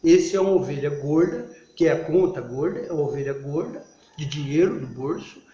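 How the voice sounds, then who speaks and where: A man giving an informal video sermon, halting and restarting often, then rising into loud, emphatic bursts. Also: a little high. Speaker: lay preacher. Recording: echoey, muffled recording.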